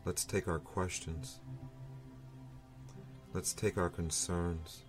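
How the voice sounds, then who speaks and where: A man leading a guided breathing meditation in a soothing, unhurried manner, leaving long pauses between phrases. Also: low-pitched, little pitch movement, music in the background. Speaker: meditation teacher.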